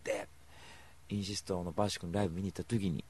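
A man hosting a radio show, telling rambling stories to listeners with emphatic, animated delivery on a studio mic. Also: low-pitched, fast, slightly rough. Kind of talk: casual solo radio talk.

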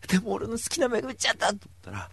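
Animated husky-voiced man telling stories. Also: high-pitched, racing, no echo. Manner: animated, acts out other people's lines in voices. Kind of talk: casual storytelling monologue.

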